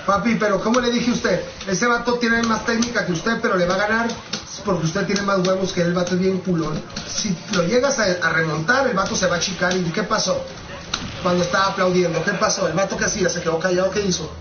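A young man with a high, voice, crudely teasing his buddies and repeating his questions. He sounds roomy and dull, as if in an echoing space, with clear noise behind him. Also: fast talker. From Mexico. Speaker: streamer commentating a fighting game match. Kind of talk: rowdy casual banter.

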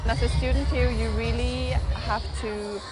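A young woman from Norway, an exchange student answering interview questions thoughtfully with many pauses, outdoors at dusk. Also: fairly high pitch, fairly even intonation, loud music behind the voice, over a noisy crowd, low-quality recording. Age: young adult.

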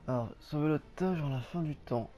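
A man's voice: fairly high pitch, moderate pace, mellow. Casual male gamer over game music. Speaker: gamer commentator. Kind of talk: casual let's play commentary.

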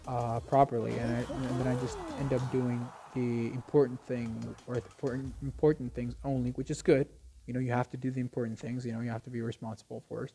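A young man talking casually over gameplay, nervous, with a stutter and lots of restarts. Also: mid-range voice. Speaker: vlogger. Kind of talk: casual gaming commentary.

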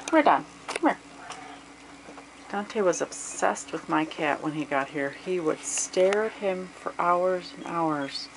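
A woman's voice: lowish voice, takes it slowly, noisy background. A woman who runs a dog rescue, chatting and cooing baby talk at her cat and dogs at home. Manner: coos baby talk at pets. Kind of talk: casual pet video narration.

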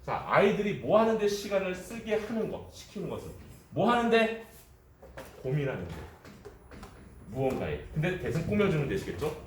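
A man who teaches high school English gives a lively classroom lecture, joking and talking straight to the students. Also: brisk, slight background noise. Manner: lively, jokey, addresses students directly. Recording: echoey classroom from far off.

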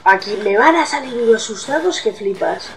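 A woman's voice: on the high side, lively intonation, normal speed, far from the mic, a little hiss or hum, low-quality recording. A woman with a Spain accent giving casual horror game commentary, swearing often and easily startled. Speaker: gameplay streamer.

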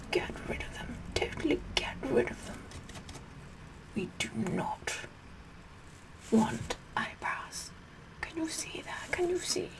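A woman playing a vain, bossy Tudor queen in a slow, breathy whispered ASMR makeup role-play. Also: high-pitched, full character voice, poor audio. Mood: regal, instructing, then patient, bossy. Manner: slow, haughty, deliberate, repeating phrases.

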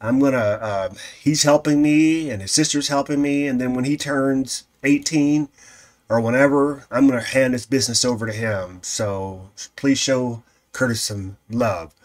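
A man in his thirties hosting a fishing vlog, talking earnestly and casually to viewers with many filler pauses. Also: mid-range voice. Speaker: fishing channel host. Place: outdoors at a riverbank.

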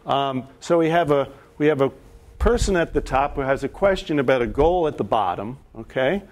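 A man's voice: medium pitch, lively intonation, moderate pace, darkish tone. Conversational man giving a business talk. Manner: conversational storyteller, asks the audience questions. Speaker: presenter and facilitator. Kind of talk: live business presentation.

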